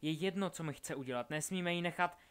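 A man's voice: fairly high pitch, fairly bright tone, clean tone, voice pushed up, natural voice. A man puts on an anxious, loyal teenage wizard boy. He speaks earnestly and urgently in a storybook reading.

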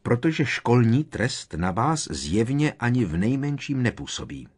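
A stern older female professor who barks out short, clipped reprimands, as a male narrator puts her on. Her voice is husky and sits low for a woman. She tolerates no argument. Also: expressive. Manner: clipped, sharp, scolding.

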